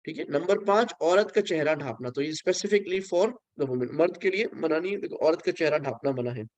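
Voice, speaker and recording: Teaching pilgrimage preparation online via video call, a religious instructor speaks at normal speed in a higher-pitched voice, patiently breaking things down step by step, prompting listeners to repeat, and weaving in bits of English. The sound has no echo.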